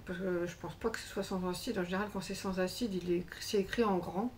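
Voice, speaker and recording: A woman's voice: on the low side, steady tone, a little fast, a little mellow, slight background noise. A woman vlogger chatting casually to camera about her craft purchases, rambling with many fillers and self-corrections. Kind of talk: casual haul chat to camera.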